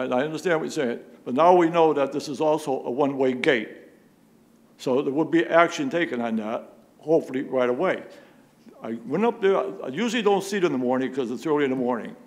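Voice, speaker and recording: A man speaking during public comment at a town meeting, pressing his complaint with repeated rhetorical questions. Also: medium pitch. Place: town police commission meeting room.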